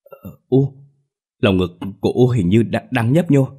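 A grief-struck middle-aged son in a spoken ghost story, as the male narrator puts him on. His voice chokes and stammers, jumping up high into shouts. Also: normal speed. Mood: stammering. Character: grieving middle-aged son, tearful then astonished.

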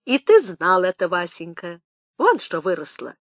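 A woman voicing an old village nanny, tender yet sly, crooning and lamenting in a lively, singsong way. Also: lowish voice, measured pace, no room sound, clean studio sound. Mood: brooding. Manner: crooning, lamenting, shifting to hushed whispers.

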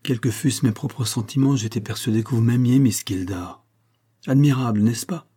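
A man reading a classic novel aloud as an audiobook, in a measured, even literary delivery. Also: medium pitch, husky. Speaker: audiobook reader. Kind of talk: scripted narration of a novel.

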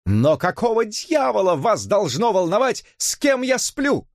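A man's voice: high voice, sing-song, a little slow, darkish tone, no echo, pitched above the performer's own voice, heavily acted. A haughty, glamorous woman with a languid, drawling voice, as a male audiobook reader puts her on. She lets her scorn rise and fall in a raised register. The reading is close and dry. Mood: scornful.

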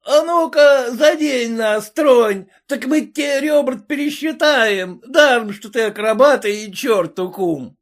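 A man reading aloud, voicing a rowdy man from a street crowd making loud threats. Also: very high voice, slow pace, hardly any pauses, pitched above the performer's own voice, exaggerated voice. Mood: threatening. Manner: loud, menacing.

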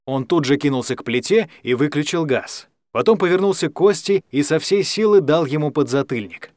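A man narrating an audiobook with an animated, widely moving voice that sits somewhat high for a man. The recording is close and dry, with no room sound. His reading is expressive and storytelling in tone. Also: no room sound. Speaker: audiobook reader.

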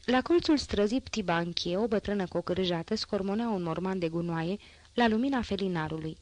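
A woman narrating a classic novel as an audiobook, in a measured literary reading. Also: mid-range voice, a little mellow. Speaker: audiobook reader.

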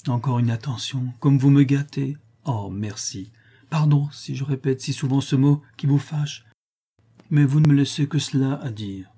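A man's voice: mid-range voice, normal speed, husky. A man doing a shy, sad young prisoner. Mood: tender. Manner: soft, hesitant, grateful. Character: gentle melancholy young male prisoner.

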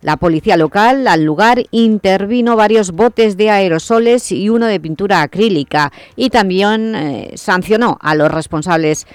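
A man reading a local radio news bulletin in a steady, measured way. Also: high voice, clear, resonant tone, dry recording.

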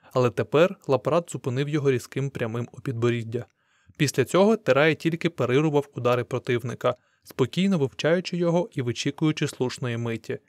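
A man narrating an audiobook in a steady, measured reading. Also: mid-range voice, dry recording, studio quality. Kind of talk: scripted narration.

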